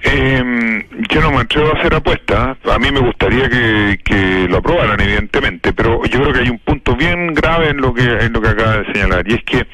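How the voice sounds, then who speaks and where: A man's voice: medium pitch, fairly bright tone, dry recording, rough recording. A Chilean man, a mining industry executive, giving frank, opinionated answers as a guest in a radio interview. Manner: frank, opinionated, peppers speech with "digamos".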